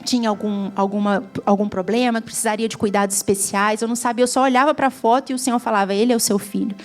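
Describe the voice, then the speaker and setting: A woman's voice: on the high side, fairly even intonation, fast talker, faint music behind. A woman from Brazil with a Brazilian Portuguese accent, giving a heartfelt testimony sermon at a church gathering that rises to fervent emphasis. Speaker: guest preacher.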